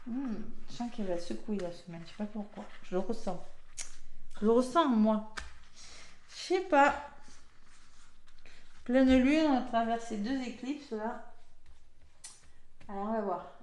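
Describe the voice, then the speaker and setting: A woman's voice: a little high, animated, a little slow, long pauses, a little mellow. Chatty woman reading cards in an echoey room. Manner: chatty, peppers talk with "hein" and "d'accord"; addresses viewers directly. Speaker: tarot card reader. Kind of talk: casual weekly horoscope card reading.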